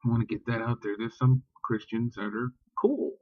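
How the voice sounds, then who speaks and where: A man's voice: mid-range voice, fairly even intonation, normal speed, no echo, lo-fi sound. A man ranting bluntly and profanely in a casual vlog, talking about religion with heat. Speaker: vlogger. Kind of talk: casual spoken rant.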